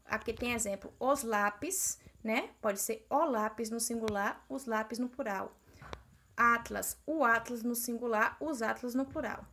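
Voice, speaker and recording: A woman's voice: a little high, a little slow, fairly bright tone. A young adult Brazilian woman teacher with a Brazilian Portuguese accent, explaining a grammar lesson in a recorded video class and checking in with "né?". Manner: explanatory, repeats "né?" to check understanding.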